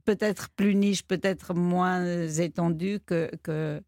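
A woman's voice: fairly low pitch, steady tone, slow, darkish tone, no room sound, studio quality. A woman from Argentina, a guest in a radio interview, who talks hesitantly and searches for her words. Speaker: guest, TV studio head.

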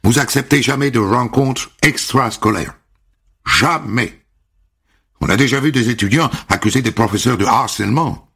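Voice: medium pitch, moderate pace, vocal fry, a bit bright, husky. A man voicing a stern school official who lectures firmly and insistently.

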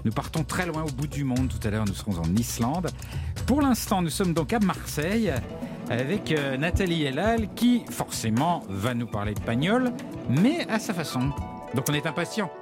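A male radio host presenting in a lively, upbeat way. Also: fairly high pitch, moderate pace, over music. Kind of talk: radio show hosting.

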